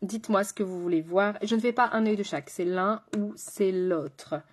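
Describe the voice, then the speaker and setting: A woman's voice: mid-range voice, normal speed, slightly rough. A woman with a French accent, a makeup artist chatting with viewers while doing her makeup on a live stream. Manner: chatty, talks straight to viewers and chat.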